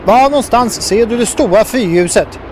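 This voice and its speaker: A man voicing a boastful, loud male toad sailor with a booming, blustering manner. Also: expressive, background noise. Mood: puzzled.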